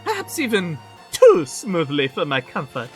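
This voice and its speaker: A man's voice: fairly high pitch, wildly swooping pitch, measured pace, faint music behind, voice pushed up. A man voicing a pompous, boastful male adventurer who talks in a grandiose, theatrical way.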